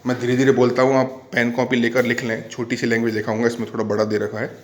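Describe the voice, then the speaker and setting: Male tutor, dictates notes slowly and repeats them; roomy, echoey recording. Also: mid-range voice, completely flat delivery. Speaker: teacher. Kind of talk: classroom physics lesson, dictating notes. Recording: echoey room, faint background noise.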